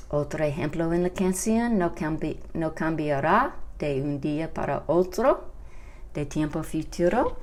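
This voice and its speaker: A woman teaching English to Spanish speakers. She explains slowly and repeats each English example with care. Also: low-pitched, mellow. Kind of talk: Spanish-language English lesson. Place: home during quarantine.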